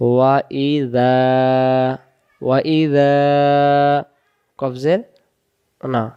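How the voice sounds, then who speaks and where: Slow, clear-voiced man teaching recitation. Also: mid-range voice, fairly even intonation, mellow, muffled recording. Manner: sounds out Arabic syllables one at a time, then joins them. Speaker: Quran teacher. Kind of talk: slow syllable-by-syllable recitation lesson.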